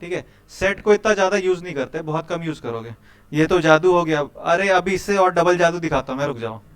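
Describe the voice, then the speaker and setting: A man's voice: on the high side, lively intonation, a little fast, clear, resonant tone. A young man teaching a live coding class, chatty and teasing, quizzing his students as he goes. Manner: chatty, quizzes students, keeps saying "bhai".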